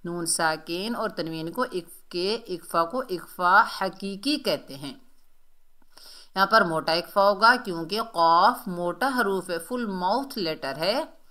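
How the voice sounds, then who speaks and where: A woman's voice: lowish voice, expressive, slow, pushed and bright. A woman teaching Quran recitation rules. She explains patiently and corrects common mistakes. She drags out model syllables and repeats them several times. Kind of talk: slow step-by-step recitation lesson.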